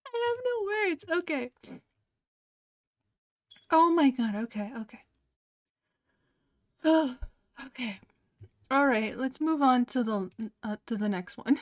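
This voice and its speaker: A woman's voice: sits high, big pitch swings, takes it slowly, pauses often. A young woman streaming while she draws. She chats casually, often saying "like", and keeps breaking into giggles as she reacts in disbelief. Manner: giggly, laughs often, heavy use of "like". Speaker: art streamer. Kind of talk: casual livestream chat while drawing.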